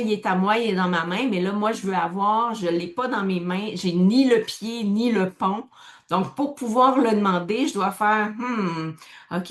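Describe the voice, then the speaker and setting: A woman, casually explaining and demonstrating a card game, thinking aloud with many fillers. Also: medium pitch.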